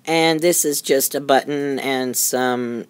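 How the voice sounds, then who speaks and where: Seated indoors at her craft desk, a middle-aged woman gives a rambling, easily amused show-and-tell of the journals she has made by hand. Her voice is rumbling low, clear and resonant, and she takes it slowly; the recording is dry.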